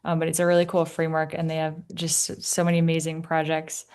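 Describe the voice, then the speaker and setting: Woman with a smooth, flat voice. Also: deep voice, fast. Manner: informal, uses 'like' and 'um'. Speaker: class participant. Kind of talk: casual chat on a video call. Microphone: video call.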